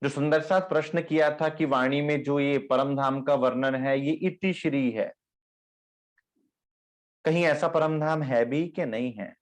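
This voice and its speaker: A man giving a devotional discourse on scripture, speaking tenderly to his listeners and chanting verse lines slowly. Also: fairly high pitch. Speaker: spiritual teacher.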